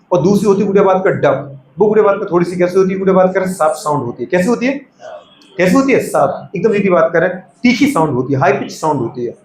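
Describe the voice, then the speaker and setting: A man's voice: high voice, darkish tone. A man teaching a lecture, constantly checking whether the students follow and repeating a filler phrase. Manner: keeps asking students if they follow and calls them "beta". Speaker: medical entrance teacher. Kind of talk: classroom-style lecture. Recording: echoey room with faint background noise.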